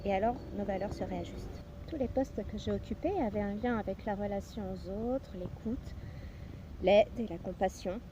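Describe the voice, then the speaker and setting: A woman in her thirties, a personal development coach, narrating her own story in a measured, earnest way with occasional hesitations. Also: mid-range voice, lo-fi sound. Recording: steady background noise with passing traffic.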